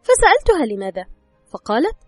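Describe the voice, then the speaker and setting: A woman's voice: sits high, huge pitch swings, fast talker, no room sound, soft background music. A woman narrating an advice book in a scripted reading, giving instructions straight to the listener. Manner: instructive, addresses the listener directly. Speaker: audiobook narrator.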